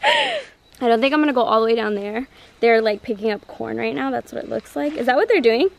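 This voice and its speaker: This is a young woman's casual outdoor vlog on a handheld camera, set on a rural hillside and dirt road. Her slightly high, creaky voice swings hugely in pitch and moves fairly quickly, full of chatter, frequent laughter and breathlessness from walking.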